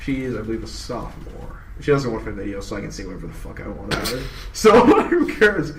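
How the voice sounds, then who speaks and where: A man's voice: on the low side, very animated, fast, far from the mic, a little hiss or hum. A teenage boy from Wisconsin talking bluntly and rambling. He sits back from the mic in a roomy, echoing space. A faint crowd murmurs behind him. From Wisconsin, USA. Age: teens. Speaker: YouTube gamer. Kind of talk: casual chat.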